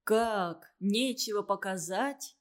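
A woman reading a gentle veteran teacher. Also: mid-range voice, animated, a little slow, lightly acted. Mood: surprised. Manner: gentle, warm and encouraging. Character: kind, calm grown man, a war-veteran village teacher. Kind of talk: storybook reading.

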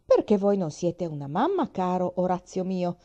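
A woman reading the lines of a haughty, sharp-tongued grandmother who speaks forcefully. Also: fairly low pitch, very animated, normal speed, highs cut off.

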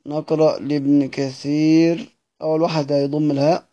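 A man with an Egyptian accent teaching Quran recitation, chanting verses slowly and adding brisk spoken asides. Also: fairly high pitch, level tone, warm tone, highs cut off. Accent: Egyptian Arabic.

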